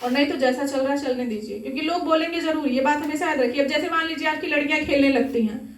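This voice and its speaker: A woman's voice: high voice, fast, a little hiss or hum. A young woman giving an earnest Sunday talk to a gathering, exhorting and conversational in manner. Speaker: spiritual speaker. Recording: echoey hall, mic at a distance.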